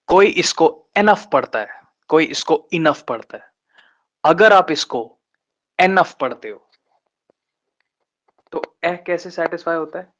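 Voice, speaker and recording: A man teaching shorthand in a live online lesson, explaining step by step with patient pauses and slowing down to spell out terms. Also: fairly high pitch, fairly bright tone. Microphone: online class microphone. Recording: dull lo-fi online class audio.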